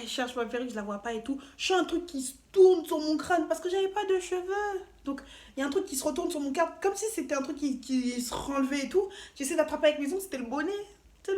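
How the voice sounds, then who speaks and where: A woman telling a story to camera in a casual, animated and slangy way, with playful asides. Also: high voice. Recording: roomy echo, faint noise.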